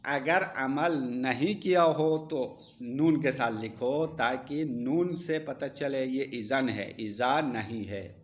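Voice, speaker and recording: A man's voice: medium pitch, few pauses. A male seminary teacher gives a classroom lecture. He reads Arabic text aloud, explains each line, and asks the students questions.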